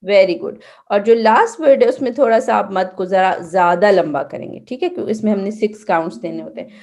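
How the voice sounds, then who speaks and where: This Quran and Seerah teacher speaks at a medium pitch with a slightly mellow quality. In her online class for kids, she gently fixes their recitation and frequently asks how they're doing.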